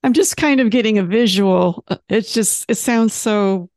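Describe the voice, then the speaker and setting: A woman's voice: mid-range voice, moderate pace, darkish tone, no echo, clean studio sound. A woman from Detroit interviewing a musician in a casual, encouraging way, with frequent murmured back-channel responses. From Detroit, United States.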